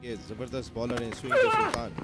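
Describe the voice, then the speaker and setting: A man giving emphatic, excited live cricket commentary. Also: mid-range voice, quick pace, vocal fry, loud music behind the voice.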